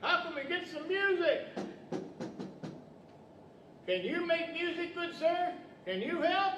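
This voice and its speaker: A man's voice: extremely high pitch, very animated, takes it slowly, bright, forceful tone, dull audio, full character voice. Guy playing a theatrical kindly wizard, radio drama, swoopy voice, far from mic w/ background noise. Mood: urgent pleading. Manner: theatrical, courtly. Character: the Wizard of Oz, scheming kindly male sorcerer. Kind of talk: 1940s radio-style stage acting. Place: large indoor library event hall, live stage. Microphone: stand mics, distant pickup. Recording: echoey hall, distant mic, background noise.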